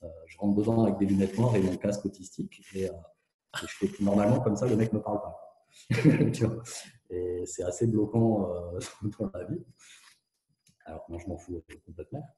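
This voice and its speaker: A man speaking candidly as an interview guest, with fast, tumbling speech full of hesitations and restarts, heard through a hands-free kit. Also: lowish voice, fairly even intonation, warm tone, a little hiss or hum. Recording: echoey, muffled hands-free phone sound.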